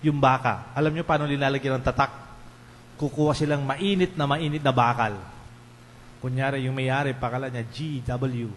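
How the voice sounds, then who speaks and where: Male priest, Sunday homily, earnest and pastoral, mid-pitched voice, long church reverb, faint hum behind. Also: fairly even intonation, moderate pace. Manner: switches between Tagalog and English mid-sentence; earnest, pastoral, addresses the congregation directly. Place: parish church.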